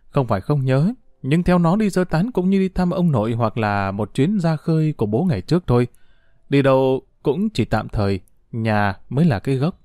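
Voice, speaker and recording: Expressive male storyteller, dark warm voice. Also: fairly high pitch, no room sound, clean studio sound. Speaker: narrator. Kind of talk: audiobook narration.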